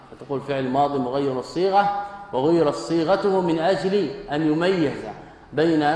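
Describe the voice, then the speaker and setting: A man teaching Arabic grammar as a sheikh, asking his students questions and answering them himself, and repeating each term slowly. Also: fairly high pitch, a little mellow. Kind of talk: classical Arabic grammar lesson. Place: lecture hall. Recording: echoey hall, faint room noise.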